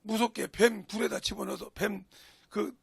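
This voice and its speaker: A middle-aged male pastor preaching a sermon in a church, telling a personal story in a folksy way and swinging between shouts and hushed whispers. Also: high-pitched, expressive, moderate pace, gravelly, slightly rough, no room sound. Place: church sanctuary.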